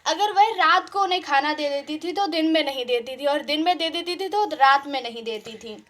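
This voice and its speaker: A woman narrates a folk tale in plain, repetitive spoken style, dotted with small fillers. Her voice is high and notably bright. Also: moderate pace. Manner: simple, repetitive storytelling with fillers. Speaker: storyteller.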